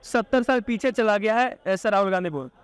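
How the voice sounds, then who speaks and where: A man's voice: sits high, a little fast, clear, resonant tone, no echo. A man working as a street interviewer, putting other people's claims to the public as questions. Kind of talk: vox pop interview, relaying claims as questions.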